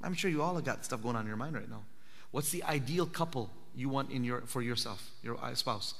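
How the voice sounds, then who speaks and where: A man's voice: mid-range voice, a little fast, vocal fry. A man giving an earnest sermon at a spiritual retreat, asking his listeners direct questions. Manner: earnest, asks the audience questions. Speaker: Islamic teacher giving a talk at i'tikaf. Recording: long hall reverb.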